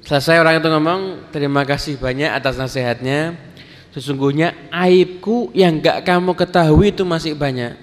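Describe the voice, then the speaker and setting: A man preaching a sermon, telling stories in a relaxed way and acting out the dialogue. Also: a little high, normal speed. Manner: casual Javanese-flavoured Indonesian, acts out quoted dialogue. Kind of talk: sermon storytelling. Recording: long reverb of a hall.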